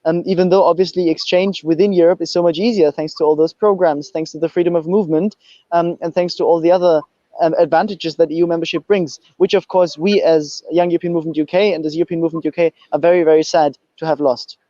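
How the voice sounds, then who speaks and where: A man's voice: on the high side, fairly even intonation, quick pace, mellow, no echo, lo-fi sound. A young man from Austria, giving panel remarks as a youth movement president, hesitant with frequent fillers, on a video call. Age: young adult. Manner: hesitant, many fillers and restarts.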